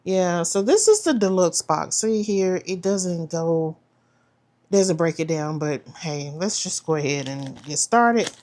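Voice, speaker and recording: A woman's voice: lowish voice, expressive, measured pace, a little mellow. A woman chatting casually as she unboxes a planner subscription box, trailing off and restarting, and saying "y'all". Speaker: planner vlogger.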